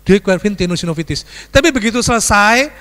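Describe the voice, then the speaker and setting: A high-voiced, fast-talking pastor preaches a story-driven sermon in a church sanctuary with reverb. Animated throughout, he acts out screams and dialogue and calls the congregation "saudaraku".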